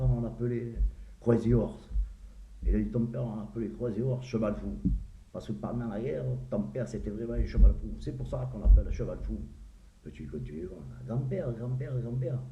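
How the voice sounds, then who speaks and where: A man's voice: on the low side, mellow. A man telling crude jokes in a casual way, acting out the characters and laughing at his own punchlines. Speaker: joke teller. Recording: echoey, tinny phone-like sound.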